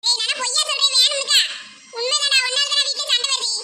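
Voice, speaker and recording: A woman's voice: very high-pitched, steady tone, fast talker. A woman with a Tirunelveli Tamil accent, voicing cartoon comedy in a teasing, bickering way. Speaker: voice actor. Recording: loud background noise.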